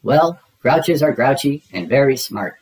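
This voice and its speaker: A man's voice: mid-range voice, expressive, measured pace, a little mellow, natural voice, rough recording. A man doing Oscar the Grouch, grumpy and sly. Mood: grumpy, smug. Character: grumpy, sly trash-can grouch monster.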